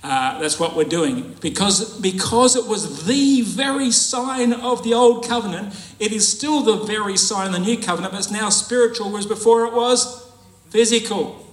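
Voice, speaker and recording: A man's voice: high-pitched, moderate pace, echoey room, rough recording. A man preaching a sermon in a conversational, jokey way and laughing at his own asides.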